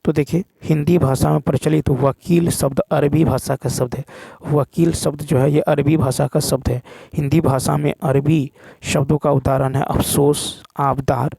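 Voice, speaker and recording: A man's voice: fairly high pitch, flat delivery, moderate pace, creaky, mellow, slightly rough, no echo. A man teaching as he walks through exam questions one by one, repeating key points and checking in with "ठीक है". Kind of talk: exam answer walkthrough.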